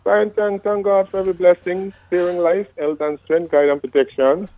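A man in his fifties from Guyana, a reggae singer, calling into a radio show by phone, speaking in a devout, thankful and unhurried way. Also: high-pitched, steady tone, dry recording. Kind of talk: relaxed storytelling interview. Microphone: phone line. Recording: tinny, dry phone line.

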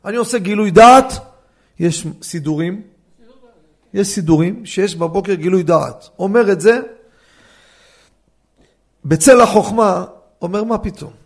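Rabbi man lecturing in a study hall, high voice w/ a gravelly edge, keeps throwing questions at the class. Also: pauses often. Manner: animated, fires rhetorical questions at listeners. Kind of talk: Torah law lecture.

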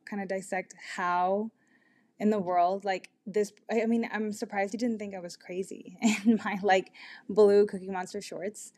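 A woman's voice: medium pitch, a little mellow. A young woman chatting casually to camera, full of "like" and "um," candid and giggly as she tells a personal story. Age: young adult. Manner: chatty, filler-heavy with constant "like" and "um"; candid and giggly, laughs mid-sentence. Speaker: vlogger.

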